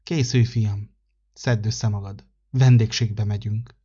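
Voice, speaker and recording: Kindly old winter grandfather in a storybook, gruff grumble, husky, voiced by a man; dull lo-fi sound. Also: on the low side, steady tone. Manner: grumbling, gruff but gentle.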